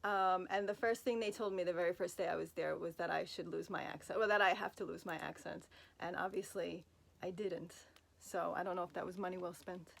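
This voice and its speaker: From her bed, a Brooklyn, New York woman answers fan questions on a phone recording, chatting casually with lots of fillers, asides, and self-deprecating rambling. Her voice is lowish, steady, fairly quick, and a bit bright, with vocal fry.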